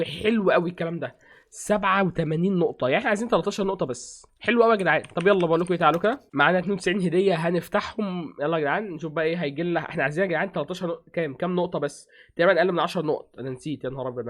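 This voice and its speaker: A man with an Egyptian accent chatting casually as a gaming streamer, rattling off quick thanks to donors. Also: on the high side. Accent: Egyptian Arabic. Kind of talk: casual game commentary.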